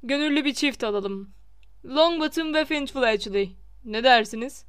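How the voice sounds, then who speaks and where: A woman voicing a vain, flustered male wizard professor in an audiobook, calling out in loud, theatrical exclamations. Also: high-pitched, animated, moderate pace, clear, resonant tone. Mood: showy. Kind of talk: audiobook character reading.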